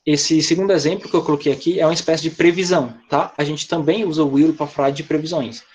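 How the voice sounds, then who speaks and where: A man's voice: fairly high pitch, steady tone, fast talker, darkish tone, slight background noise. A male English teacher with a Brazilian Portuguese accent, explaining grammar step by step in an online class over a video call. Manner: patient, explains step by step with frequent "tá?" and "né?".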